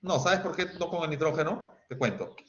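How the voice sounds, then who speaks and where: A man's voice: a little high, sing-song, fairly quick, a bit bright, slight background noise. Man teaching online, quizzes students, dull lo-fi sound. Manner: quizzing students, asking "¿sí?" often, sings snatches. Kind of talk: online chemistry class.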